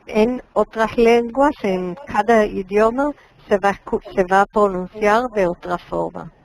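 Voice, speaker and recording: Slow, patient woman lecturing. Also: mid-range voice, vocal fry, rough recording. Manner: explanatory, slows to spell out pronunciations, frequent "eh" pauses. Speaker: Bible studies lecturer. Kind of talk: lecture on Hebrew names.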